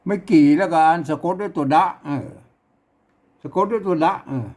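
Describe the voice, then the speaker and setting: Man, Northern Thai accent, fairly high voice, informal reading lesson, halting, repeats words, chuckles. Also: a little mellow. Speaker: teacher reading an old manuscript.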